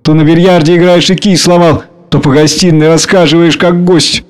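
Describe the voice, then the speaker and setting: A man reading aloud, voicing a stern young housekeeper who scolds and shouts. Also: on the high side, fairly even intonation, moderate pace, clear, resonant tone, pitched above the performer's own voice, close to an everyday voice. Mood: scolding.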